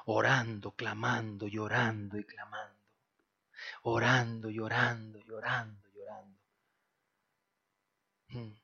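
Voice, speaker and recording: A man from Spain preaching a sermon as pastor, swinging between loud bursts and soft low phrases. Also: flat delivery, slow, gravelly, long pauses. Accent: Spain Spanish. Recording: dull lo-fi recording.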